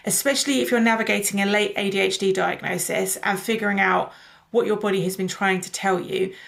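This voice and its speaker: A woman's voice: medium pitch, creaky. A woman hosting her own channel, talking to camera in a casual, earnest way as a coach and sharing personal stories. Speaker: somatic coach and channel host.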